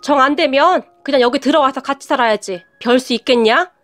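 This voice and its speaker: A woman voicing an older father-in-law who speaks slowly, holding back anger. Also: high-pitched, fairly bright tone, no room sound. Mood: stern. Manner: slow, restrained anger.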